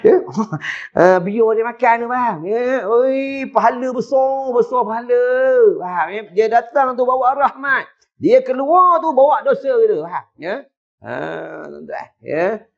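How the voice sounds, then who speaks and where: A man's voice: very high-pitched, animated, measured pace, dull audio. A male preacher with a Malaysian Malay accent giving a humorous religious lecture in a mosque hall and often checking with his listeners. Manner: chatty, tags lines with questions to the crowd.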